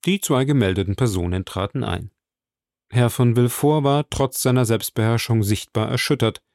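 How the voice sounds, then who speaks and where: Gravelly man reading an audiobook. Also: medium pitch, no room sound, studio quality. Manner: steady, measured reading. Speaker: audiobook reader. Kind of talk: scripted audiobook narration. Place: coworking space.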